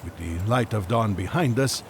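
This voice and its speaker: A male actor voices a devout, earnest Magian traveler on an urgent quest in an audio drama, using solemn, formal, archaic speech in a lightly acted performance. His voice is lowish and animated, at a moderate pace. The background is noisy.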